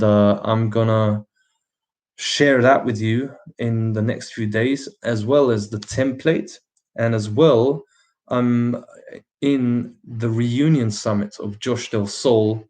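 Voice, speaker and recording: A man with a slightly British accent hosts a casual livestream in a medium-pitched, darkish voice, speaking slowly and steadily. He fires emphatic rhetorical questions at his viewers and often laughs between remarks.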